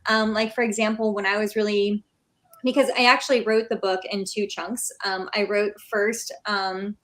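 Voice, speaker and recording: A woman's voice: mid-range voice, level tone, normal speed, a bit bright. A woman author talking as a guest on a casual podcast interview, chatty and often restarting her sentences. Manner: chatty, restarts and laughs mid-thought.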